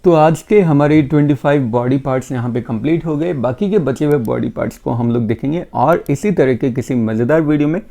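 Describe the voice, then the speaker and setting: Gravelly-voiced man teaching vocabulary. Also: medium pitch, warm tone. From India. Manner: repeats each word slowly and patiently. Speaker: English teacher. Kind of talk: vocabulary lesson.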